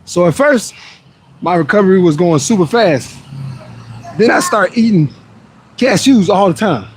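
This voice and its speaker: A man's voice: sits high, animated, unhurried, a little hiss or hum. A man in his forties chatting casually on a fitness livestream, answering viewer questions between sets in a laid-back, rambling way. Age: 40s.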